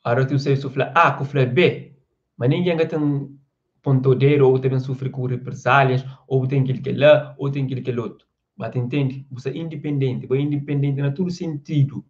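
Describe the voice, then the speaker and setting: A man's voice: medium pitch, fairly even intonation, fairly quick, highs cut off. A man hosting a casual live stream, reading out viewer comments and talking at length, often stopping to ask "você entende?". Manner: rambling, with restarts and frequent "você entende?".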